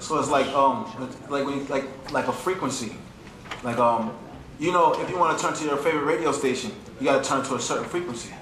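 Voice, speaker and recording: A man's voice: medium pitch, fast. A man teaching a class, explaining through everyday examples and using lots of "like" and "um". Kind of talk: informal lecture to a class. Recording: echoey room with faint ambient noise.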